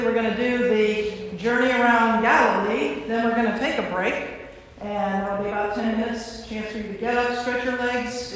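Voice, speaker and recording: With a voice on the high side, a woman priest serves as host and narrator of a staged reading, opening with an informal welcome before the scripted narration. She speaks in a large indoor church, recorded from a distance amid echo and faint noise.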